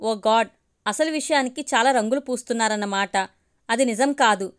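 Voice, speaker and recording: Woman reading as angry young student girl, fierce comebacks, kinda high voice. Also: normal speed, clear, resonant tone, lightly acted. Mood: explaining. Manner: fierce, indignant retorts.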